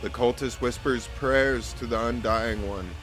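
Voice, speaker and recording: A man's voice: medium pitch, fairly even intonation, measured pace, a bit bright. A man hosting a game playthrough, reading story text theatrically and dropping in casual asides, with music behind him. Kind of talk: video game let's play, reading story text aloud.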